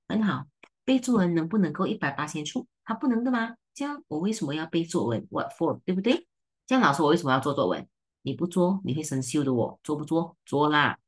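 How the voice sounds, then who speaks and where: A female tutor with a Malaysian Mandarin accent runs an online seminar briskly and teasingly, mixing in English and Malay. Her voice is deep, a little mellow and slightly rough.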